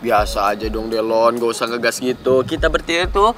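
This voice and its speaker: A man's voice: medium pitch, animated, fairly quick, lightly acted. An actor playing a pushy young male student coaxing a classmate to join his gang. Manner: smooth-talking, persuasive. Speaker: college student gang leader. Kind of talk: sitcom acting. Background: background music.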